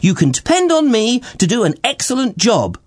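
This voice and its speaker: A man voicing an energetic, forthright young fellow in a storybook, brash and over-familiar. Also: extremely high pitch, moderate pace, voice pushed up, full character voice. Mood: cheery. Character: cheeky energetic young male job seeker.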